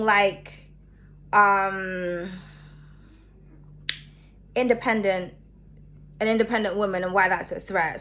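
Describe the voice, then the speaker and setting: On her channel, a young woman with a medium-pitched, somewhat bright voice talks solo to the camera, chatty and meandering. She sniffles from hay fever and repeatedly asks "okay?" after her points.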